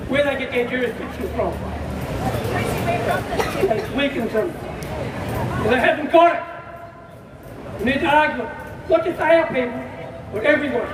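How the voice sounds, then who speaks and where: A man giving a blunt, forceful protest speech at an outdoor rally, sometimes swearing. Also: very high voice, background noise. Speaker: rally speaker. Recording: echoey, distant outdoor PA with crowd.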